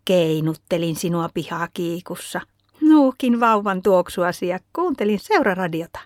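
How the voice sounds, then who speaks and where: A woman reading as a gentle caring mother. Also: fairly low pitch, very animated, no echo, clean studio sound. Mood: tender. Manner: soft, soothing, patient.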